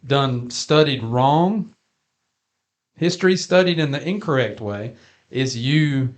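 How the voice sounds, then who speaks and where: A man co-hosting a podcast in casual chat, folksy and jokey, sometimes drawing out his phrases. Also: mid-range voice. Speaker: podcast co-host.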